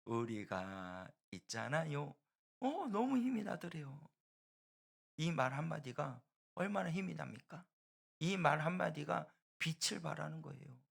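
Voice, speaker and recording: A middle-aged man from South Korea preaching a sermon as pastor, earnest, slowing and swelling loud on key phrases. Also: fairly high pitch, vocal fry, breathy edge.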